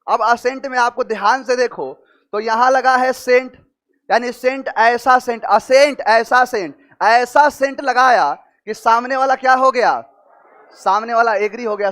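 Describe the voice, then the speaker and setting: High-voiced teacher asking himself questions. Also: male voice, fairly bright tone. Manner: asks and answers his own questions. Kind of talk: vocabulary lesson with memory tricks.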